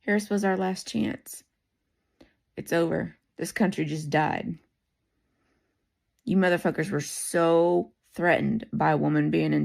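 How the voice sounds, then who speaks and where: A mid-pitched, gravelly voice declaiming with indignation. The speaker goes slowly and punches each word. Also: darkish tone. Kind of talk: social media rant.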